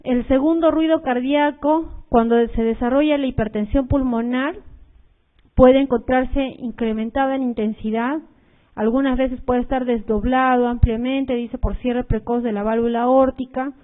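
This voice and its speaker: Female medical lecturer, fairly high voice, talks through slides with fillers and repetition, phone-quality audio. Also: fairly even intonation, moderate pace. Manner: explanatory, uses fillers like "este" and "eh"; repeats key points, addresses students directly. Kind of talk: recorded cardiology lecture over slides.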